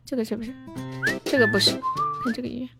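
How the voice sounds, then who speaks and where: A woman's voice: on the high side, wildly swooping pitch, fast talker. A woman hosting a livestream, chatting casually and playfully with viewers. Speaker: livestream host. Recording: music playing behind the voice.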